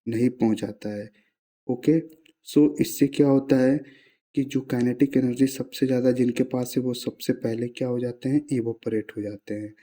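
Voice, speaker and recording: A man's voice: medium pitch, dark tone. A man, teaching science in a casual classroom-style explanation, asking himself rhetorical questions and mixing in English terms.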